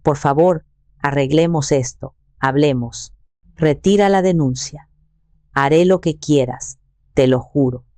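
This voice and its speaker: Panicky manipulative grown son, as a woman reads him, low dark voice, dry sound. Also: a little slow, no echo. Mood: pleading. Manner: shouting, then pleading.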